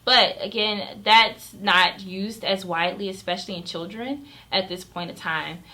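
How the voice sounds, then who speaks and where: A woman who is a pediatric emergency doctor, giving measured, earnest answers in an interview. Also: mid-range voice, bright, forceful tone, poor audio.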